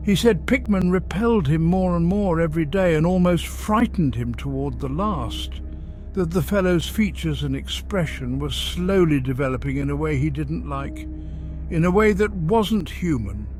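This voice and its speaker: A man voicing an agitated, confiding gentleman in a dramatic first-person horror audiobook narration, conversational and emphatic. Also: fairly high pitch. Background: music under the voice.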